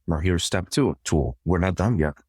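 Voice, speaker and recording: A middle-aged male therapist with a very low, deep voice walks through communication steps one at a time. He acts out sample exchanges between partners. The sound is dry and close. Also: lively intonation, moderate pace, husky, no room sound. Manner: explains in numbered steps, acts out example dialogues. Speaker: couples therapist. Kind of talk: podcast conversation.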